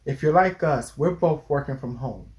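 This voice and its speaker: Man in his twenties or thirties, therapist co-host, lecturing tone, a bit high-voiced. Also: normal speed, a little mellow. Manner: earnest, lecturing, restarts mid-sentence. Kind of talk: casual advice chat.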